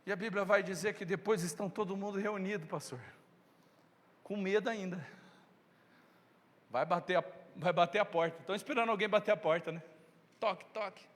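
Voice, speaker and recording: High, bright-voiced preacher. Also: male voice, fairly even intonation, brisk, long pauses. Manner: emphatic storytelling, addresses congregation. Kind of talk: sermon. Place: church sanctuary. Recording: long reverb in a church hall.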